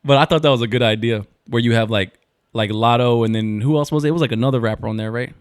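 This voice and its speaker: A young man co-hosting a podcast, chatting loosely and jokingly in slangy talk, now and then slipping into quick impressions of other people. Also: mid-range voice, clear, resonant tone, no room sound, studio quality. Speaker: podcast co-host. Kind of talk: casual chat.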